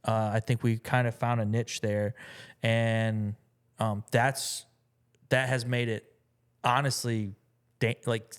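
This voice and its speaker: Smooth-voiced man chatting as a guest. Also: medium pitch, level tone, slow pace, pauses often. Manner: rambling, with many fillers and restarts. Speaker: musician guest. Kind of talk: casual interview chat.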